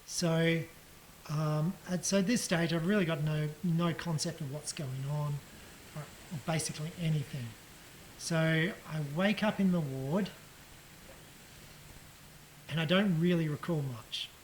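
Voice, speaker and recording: Halting man telling his hospital story. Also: on the high side, slight background noise, low-quality recording. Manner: halting, reflective, frequent ums and restarts. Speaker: patient recounting his surgery. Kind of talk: casual personal account.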